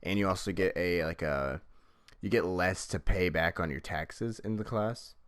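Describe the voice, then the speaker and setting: A man's voice: deep voice, normal speed, a bit bright, smooth, no echo, clean studio sound. A man chatting casually as a podcast host, with a rambling, swear-heavy way of talking. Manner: profane, rambling. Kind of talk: casual chat.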